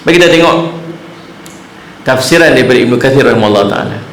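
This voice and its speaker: A man's voice: medium pitch, fast talker, a bit bright. A man giving a religious lecture, telling humorous stories and quoting Arabic verses. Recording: echoey room, faint ambient noise.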